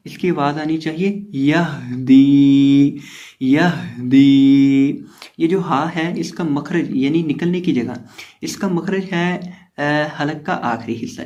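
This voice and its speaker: A man teaching Quran reading, explaining each rule and then reciting the syllables slowly and drawn out. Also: on the high side, a little mellow. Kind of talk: step-by-step recitation lesson. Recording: slightly muffled lo-fi recording.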